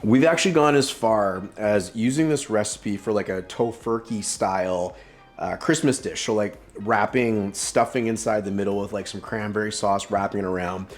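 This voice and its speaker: A man's voice: fairly low pitch, normal speed, soft background music. A man casually demonstrating a recipe at home, rambling and enthusiastic with plenty of fillers. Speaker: home cook. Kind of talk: casual cooking demo.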